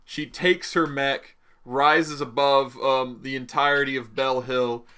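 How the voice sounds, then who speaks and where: A man with a bright, forward voice narrates a tabletop game as its host. He talks casually and rambles, restating phrases as he improvises the story. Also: mid-range voice, fairly even intonation, takes it slowly, smooth. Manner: rambling, repeats and revises phrases.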